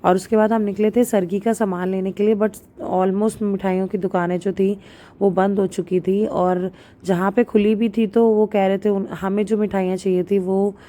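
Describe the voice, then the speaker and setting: A woman's voice: medium pitch, level tone, normal speed, mellow. A young woman chatting casually as she narrates her vlog, with many fillers and English words mixed in. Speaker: vlogger.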